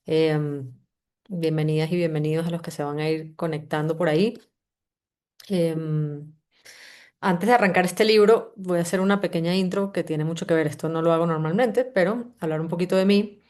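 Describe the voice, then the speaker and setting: A Venezuelan woman with a Venezuelan accent, host and company CEO, leads a live online book-summary session in a welcoming, conversational way, often restarting her phrases. Her voice is low-pitched and a little mellow, at a moderate pace.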